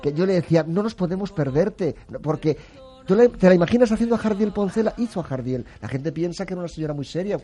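Earnest man with a mellow voice. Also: high-pitched, lively intonation, quick pace. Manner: emotional, earnest. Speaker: radio guest commentator. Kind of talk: casual radio chat.

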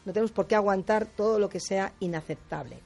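A woman speaking as a guest on a radio talk show, explaining in a lively way, acting out quotes and often adding quick tag questions. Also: mid-range voice, gravelly, faint music behind. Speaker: guest speaker on difficult personalities.

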